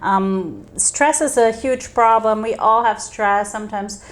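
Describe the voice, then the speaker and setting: A woman from Serbia, a psychiatrist, answering interview questions in a calm, explanatory way with frequent ums and you-knows. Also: a little high, measured pace, poor audio.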